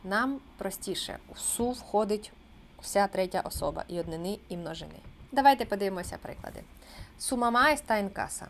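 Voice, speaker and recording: A woman teaching a beginners' language lesson on video, explaining patiently and slowing down to repeat example phrases. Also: mid-range voice, expressive, creaky, a little hiss or hum. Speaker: Spanish teacher.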